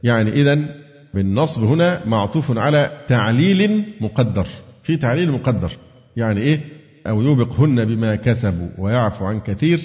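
A man's voice: medium pitch, animated, a little fast. A man with an Egyptian accent teaching a Quran commentary lesson, asking his students questions and answering them himself. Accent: Egyptian Arabic. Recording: dull lo-fi recording with long hall reverb.

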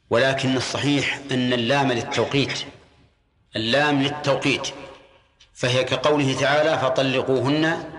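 A man giving a classroom lesson on scripture and the grammar of the verses. His voice sits at an ordinary middle pitch. He stretches out the quoted lines slowly and keeps turning to his students with quick questions. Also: fairly bright tone. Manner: quizzes listeners with questions. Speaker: teacher of Quranic commentary.

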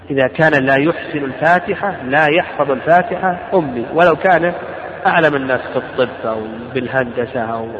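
A man teaching a lesson on a classical legal text. He reads lines aloud slowly, then explains and repeats them. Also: fairly high pitch, fairly bright tone, a little hiss or hum. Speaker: teacher of Islamic law. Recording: roomy hall recording, dull sound, crowd behind.

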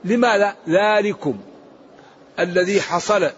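A man teaching scripture in a fairly high voice, his tone lifting with emphasis whenever he quotes a verse. The recording is dull and lo-fi, with a faint hiss underneath. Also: slow. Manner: emphatic, rising sharply when reciting verses. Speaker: religious scholar. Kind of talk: Quran commentary lesson.

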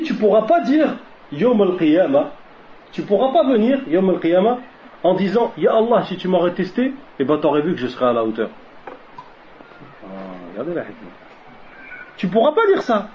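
Man preaching with rhetorical questions. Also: high-pitched. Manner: asks questions and answers them himself; mixes Arabic religious phrases into French. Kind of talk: religious lesson. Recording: dull lo-fi recording with faint noise.

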